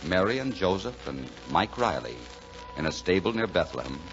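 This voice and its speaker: In the style of 1940s radio drama, an actor plays a plain-spoken, reassuring American man telling a Christmas story at a normal pace. His low, sing-song voice carries measured storytelling over background music on a dull 1940s broadcast recording.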